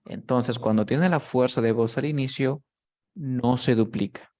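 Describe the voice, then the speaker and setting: A young man with a mellow, mid-range voice teaches English grammar one-on-one at an unhurried pace, patiently explaining each rule and pausing often to make sure his student is following.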